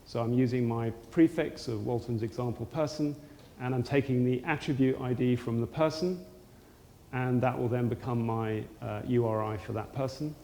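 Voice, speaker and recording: Male conference speaker, gravelly and hesitant, in a reverberant hall. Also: mid-range voice, fairly even intonation, normal speed, mellow. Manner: hesitant, frequent ums and restarts. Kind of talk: technical presentation. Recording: roomy hall with long reverb, faint noise.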